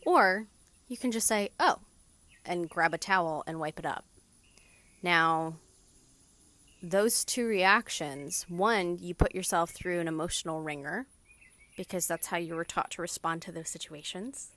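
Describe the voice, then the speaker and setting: A woman's voice: lowish voice, unhurried, no echo. Soothing woman hosting a meditation podcast. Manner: soft, soothing, gently reassuring. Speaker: podcast host. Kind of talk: guided meditation talk.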